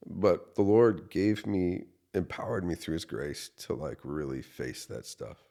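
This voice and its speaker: A man in his thirties, a pastor, earnestly telling a personal story in a podcast interview, going from quiet to loud. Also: deep voice, animated, unhurried, gravelly. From United States. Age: 30s. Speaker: associate pastor.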